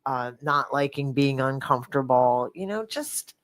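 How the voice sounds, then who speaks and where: A middle-aged woman hosting a fitness podcast, talking in a rambling, animated way with lots of fillers and restarts. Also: extremely low pitch, unhurried, no room sound. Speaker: fitness coach and podcast host. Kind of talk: casual podcast chat.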